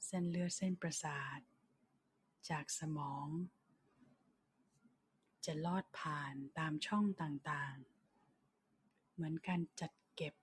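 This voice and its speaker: A woman leading a slow guided body-scan meditation for sleep in a soft, breathy, near-whispering voice, soothing and unhurried, speaking in short phrases with long pauses. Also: low voice, fairly even intonation. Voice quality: soft, breathy voice that often slips toward a whisper. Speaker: guided relaxation leader.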